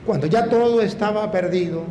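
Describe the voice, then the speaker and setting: Man, priest, storytelling sermon, high voice, echoey hall. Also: brisk, dull audio. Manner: animated, emphatic storytelling. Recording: echoey hall, faint noise.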